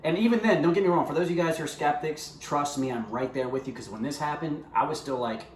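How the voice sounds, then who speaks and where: In an earnest, conversational testimony of his personal faith, a man addresses viewers directly on camera. His voice is on the high side and he talks fast. There's a roomy echo with faint ambience, plus a little hiss or hum.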